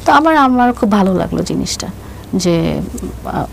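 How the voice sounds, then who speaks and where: Speaking at a moderate pace in a gravelly, medium-pitched voice, this middle-aged Bangladeshi-accented woman sounds very animated. She is an interview guest recounting her own story, often hesitating and starting over, with English phrases mixed in. There is noticeable background noise.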